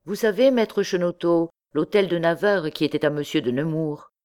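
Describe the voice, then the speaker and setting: A man's voice: a little high, moderate pace, a little mellow, clear, resonant tone, lightly acted. A woman reading the part of a chatty medieval townsman gossiping about rents. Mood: gossipy.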